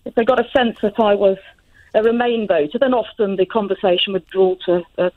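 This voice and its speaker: A woman calling a radio phone-in, giving a personal account in a halting, hesitant way with frequent restarts. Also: mid-range voice, fairly even intonation. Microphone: telephone. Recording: muffled narrowband phone line.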